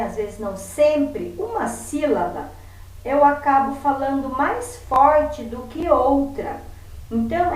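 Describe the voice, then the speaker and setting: A woman teacher talks her pupils through a lesson at an unhurried pace, patiently sounding out example words. Her voice sits a little high and reaches the mic from a distance, in a very echoey room. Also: darkish tone. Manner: patient, repeats words slowly to model stress.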